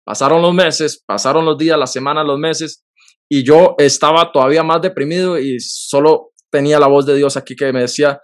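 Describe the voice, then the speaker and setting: A man's voice: fairly high pitch, fairly even intonation. Earnest man in his thirties. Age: 30s. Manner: earnest, emotional storytelling with quick bursts. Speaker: podcast host.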